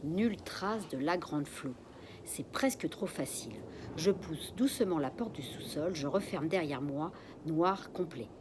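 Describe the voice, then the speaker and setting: A woman's voice: low-pitched, a little slow, few pauses, background noise. A woman reading her own suspense story aloud in the first person, sometimes dropping to a whisper, with a few restarts after slips. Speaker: author reading her book.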